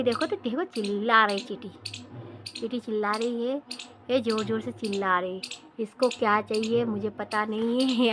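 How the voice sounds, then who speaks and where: A woman's voice: mid-range voice, noisy background. A woman vlogging a casual tour of her home and garden, repeating herself and talking straight to viewers. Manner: chatty, repeats phrases, talks straight to viewers.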